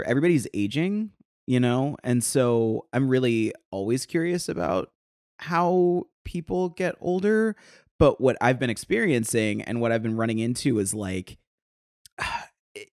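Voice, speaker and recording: A man co-hosts a casual podcast chat, his pitch swinging widely as he jokes. The sound is dry and close, and he fills his talk with "like" and "um". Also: no echo. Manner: animated, filler-heavy, jokey. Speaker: podcast co-host.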